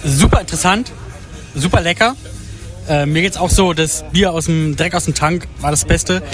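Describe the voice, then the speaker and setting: Man with a slightly higher voice, keen tour guest. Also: moderate pace, a bit bright, soft background music. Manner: enthusiastic, hesitant fillers. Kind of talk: casual interview.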